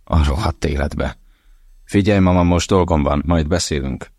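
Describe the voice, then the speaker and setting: A man's voice: very deep voice, a little mellow, no room sound, studio quality. A man reading an audiobook, voicing a curt, hungover young man who mumbles and swears. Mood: surly.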